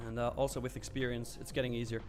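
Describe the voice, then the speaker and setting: This live trading stream host from Switzerland speaks fast in a level, mid-range voice with a somewhat dark tone. Soft music plays behind him as he chats casually and frankly, replying to viewers with lots of fillers and an odd swear word.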